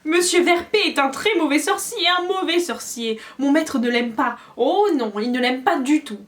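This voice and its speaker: A woman voicing a tearful, servile female house-elf in a squeaky, wailing voice. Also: moderate pace, natural voice. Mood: indignant.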